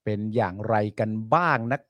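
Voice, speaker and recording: An animated man co-hosting a casual live stream, with a voice that swings widely in pitch as he teases and reads out viewer comments. He often leaps into sudden high, excited bursts. The sound is dry and close-miked. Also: moderate pace, no room sound. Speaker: co-host.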